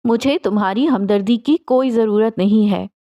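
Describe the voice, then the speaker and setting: A woman's voice: on the high side, highs cut off, lightly acted. A woman voicing a hurt young woman who snaps back through tears in an audiobook. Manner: sharp, wounded retorts. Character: bitter, tearful young woman.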